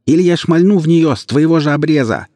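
A man doing a shrill, desperate young man. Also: animated, brisk, warm tone, husky, dry recording, clean studio sound.

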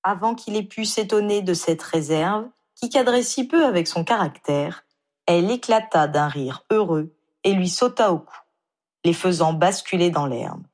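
A woman reading a story aloud in a calm, measured way. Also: lowish voice. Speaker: audiobook reader. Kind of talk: scripted narration.

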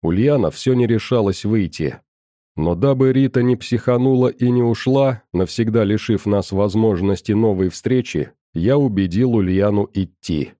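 Male first-person audiobook narrator, measured and calm, dark dry timbre. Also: fairly low pitch, no echo.

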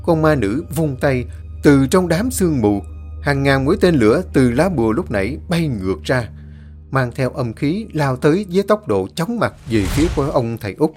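A man's voice: mid-range voice, very animated, moderate pace, darkish tone, soft background music. A man narrating a ghost story and voicing each of the characters himself.

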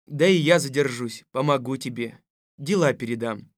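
An actor playing a stern, weary fairy-tale tsar in an audiobook radio play, speaking gruffly and with command. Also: male voice, mid-range voice, moderate pace, no echo, clean studio sound, close to an everyday voice.

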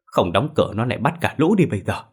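A pompous but cowardly old village chief pleads in a low, husky voice, as a male storyteller plays him. His pitch rises and falls in lively swings. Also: fairly quick. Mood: panicked. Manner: frightened, pleading, mutters.

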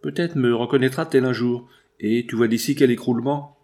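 A wealthy middle-aged schemer speaks in a tense, hushed way, urgent and afraid of being found out, as a man reads him aloud. The voice stays close to an ordinary reading voice. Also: medium pitch, fairly quick, lightly acted. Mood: anxious.

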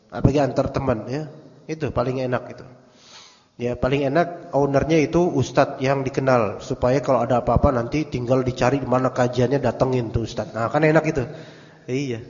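A male Indonesian preacher delivers an informal study lecture, slipping into quoted dialogue and Arabic expressions. His voice sits a little high. The recording is muffled and rings with long hall reverb. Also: darkish tone. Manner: conversational, storytelling with quoted dialogue and Arabic phrases. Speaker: religious teacher.

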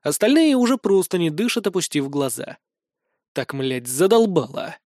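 A man's voice: fairly high pitch, big pitch swings, normal speed, darkish tone, no room sound, clean studio sound. A man reading first-person fantasy narration for an audiobook, in a wry, colloquial way with mild swearing.

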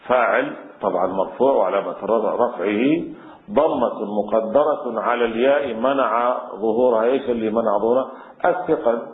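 A man teaching classical Arabic grammar, explaining patiently step by step with many fillers. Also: mid-range voice. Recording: echoey room on a tinny lo-fi line.

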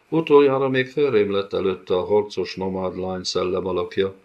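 A man narrating a fantasy audiobook in a measured storytelling manner. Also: low voice, a little mellow, highs cut off. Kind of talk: scripted narration.

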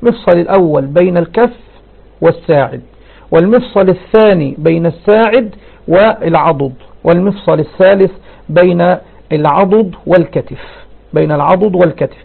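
A man with a high, slightly rough voice and vocal fry gives a religious lesson at a normal speed, reading lines of a text and then explaining them through rhetorical questions. The recording has a narrow, phone-like band.

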